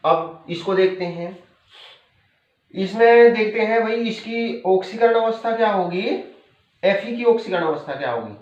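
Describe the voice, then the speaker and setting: High-voiced man teaching in an echoey room. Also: expressive, measured pace. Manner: patient, repeats key terms, checks in with "है ना". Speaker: chemistry teacher. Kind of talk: classroom lecture. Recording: echoey room, dull lo-fi sound.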